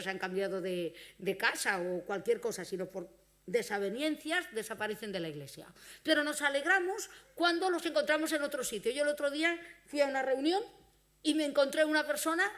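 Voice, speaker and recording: A woman's voice: a little high, a bit bright. A woman with a Spain Spanish accent preaching a sermon in church, earnest and conversational. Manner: earnest, conversational, with acted-out quoted dialogue.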